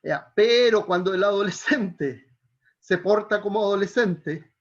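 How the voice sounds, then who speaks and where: A man with a high voice leads a Bible counseling lesson, laying out each point slowly and checking in with the class again and again. The recording is dull and lo-fi, as from a classroom. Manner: explains step by step, asks the class "¿ya?" often. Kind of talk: classroom lecture.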